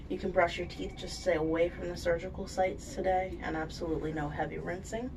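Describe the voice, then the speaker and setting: Low, creaky-voiced woman explaining aftercare, off-mic. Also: fairly even intonation, fairly quick. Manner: explanatory, checks in with "okay?". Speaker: dental surgery staff giving aftercare instructions. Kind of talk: informal spoken patient instructions. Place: indoors at a clinic. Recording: distant microphone, faint room noise.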